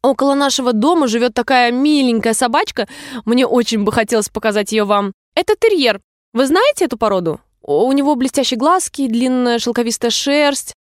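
A woman's voice: a little high, animated, brisk, dry recording, clean studio sound, natural voice. A woman voicing a polite, curious little girl who chatters earnestly and apologizes often. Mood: chatty.

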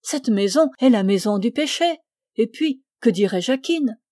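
Une femme lit les répliques d'une jeune femme taquine mais hésitante, d'une voix douce, dans un livre audio. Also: female voice, on the high side, expressive, unhurried, mellow, no echo, studio quality. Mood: playful. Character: young woman, teasing yet hesitant. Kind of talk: audiobook dialogue reading.

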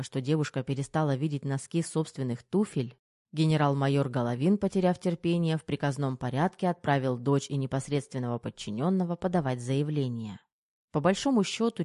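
An audiobook narrator with a mellow, warm tone reads a novel evenly and without hurry. The voice sits close and dry, with no room around it. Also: mid-range voice, no echo. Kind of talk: scripted narration.

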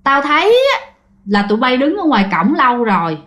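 A woman's voice: high-pitched, big pitch swings, a little fast, fairly bright tone. A woman with a Southern Vietnamese accent voicing a stern middle-aged man who lectures a group of kids. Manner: scolding, lecturing.

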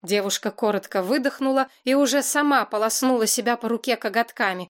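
A woman narrating a fantasy novel in a steady, lively storytelling voice. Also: on the high side, brisk. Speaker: audiobook narrator.

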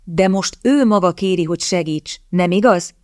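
A man's voice: high-pitched, no echo, studio quality, close to an everyday voice. The narrator voicing a jovial, teasing male army captain who banters with a grin. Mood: earnest. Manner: mocking, playful, grinning banter.

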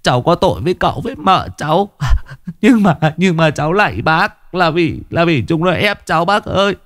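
A man's voice: fairly high pitch, animated, moderate pace, a bit bright, no echo, studio quality, voice pushed up. A man voicing a desperate young village man who stammers and begs through tears in a ghost story. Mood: tearful pleading. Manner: tearful, stammering pleading. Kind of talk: storybook ghost tale voice acting.

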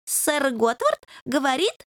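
A woman voicing a young male plasticine imp, a meek pacifist, talking hesitantly and slowly. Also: sits high, huge pitch swings, a bit bright, dry recording, clean studio sound, voice pushed up, heavily acted. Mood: timid.

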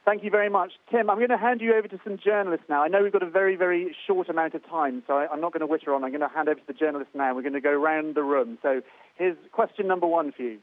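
A man's voice: on the high side, racing, dry recording. A man hosting a live event in an effusive way, often repeating words, over a radio link. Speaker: event host. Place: science festival venue with an audience. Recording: tinny, dry radio link.

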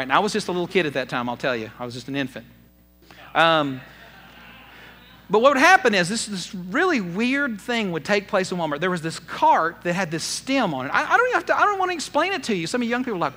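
A middle-aged man preaching a sermon as pastor, telling stories with big swings between loud and soft delivery. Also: on the high side.

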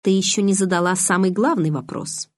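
A woman's voice: lowish voice, measured pace, no room sound. Woman reading teenage vampire boy, aloof, dry and sardonic, restrained delivery, audiobook voice, dry close sound. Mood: cool, mocking.

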